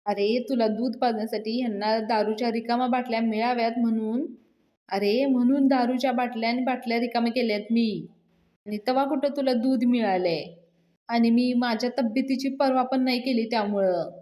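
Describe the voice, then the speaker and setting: A woman's voice: on the high side, moderate pace, a little mellow, natural voice. Woman retelling as a melodramatic old drinker. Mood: coaxing. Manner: melodramatic, coaxing. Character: old ailing man who begs for liquor.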